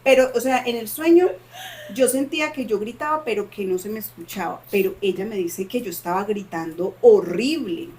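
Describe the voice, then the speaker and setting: A woman's voice: medium pitch, normal speed. A woman, co-hosting a podcast and dramatically retelling a personal story with lots of repetition. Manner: dramatic, animated retelling with repeated phrases. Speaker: podcast co-host. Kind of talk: casual storytelling.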